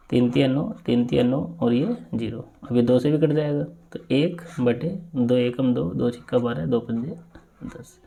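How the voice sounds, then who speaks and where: A man teaching an exam-prep maths lesson, explaining step by step and often asking if it is clear. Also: mid-range voice. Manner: steady step-by-step explaining with frequent check-in questions.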